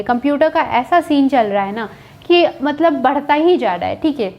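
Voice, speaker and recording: Brief: young woman, high voice, frank, chatty student-advice vlogger. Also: darkish tone. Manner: candid, chatty, mixes English words into speech, keeps asking "right?". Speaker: coding educator on a video channel. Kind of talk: casual advice talk to students.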